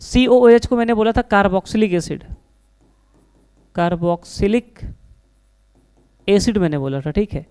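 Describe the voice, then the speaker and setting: A man's voice: high-pitched, normal speed, long pauses, darkish tone, clear, resonant tone. A male teacher giving an online chemistry lesson. He asks his own questions and answers them, and often calls the students his children.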